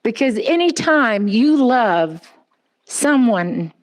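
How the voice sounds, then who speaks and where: A woman speaks at an outdoor pet memorial in a slow, unhurried way. Her tone is gentle and consoling, with soft pauses as she addresses the mourners. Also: a little high, very animated.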